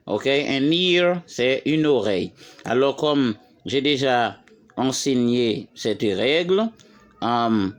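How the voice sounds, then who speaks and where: A man teaching English vocabulary to French speakers, slowly repeating words and lifting his voice on each English example. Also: medium pitch. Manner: slow, repeats words for learners. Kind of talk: bilingual vocabulary lesson.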